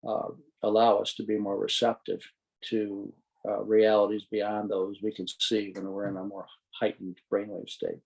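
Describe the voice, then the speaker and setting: Man, low gravelly voice, rambling storyteller guest. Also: darkish tone, low-quality recording. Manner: rambling, explanatory. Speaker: guest, tracking student. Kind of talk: storytelling and reflective talk.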